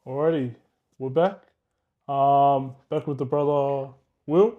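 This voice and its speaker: A man's voice: mid-range voice, slow pace, phone-quality sound. Rambling young male podcast host. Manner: rambling, filler-heavy questions. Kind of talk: casual podcast hosting.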